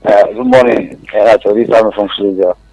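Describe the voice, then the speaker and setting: A man's voice: fairly low pitch, fairly even intonation, moderate pace, warm tone, dry recording, muffled recording, faint music behind. A man calling in to a radio show, rambling and hesitant. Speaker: caller. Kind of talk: call-in comment.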